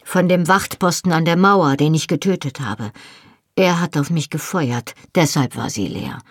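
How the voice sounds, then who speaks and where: A woman reading an audiobook voices a fierce, proud young Highland husband, speaking low and rough with passion. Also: normal speed, dry recording, clean studio sound. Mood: raw, pained.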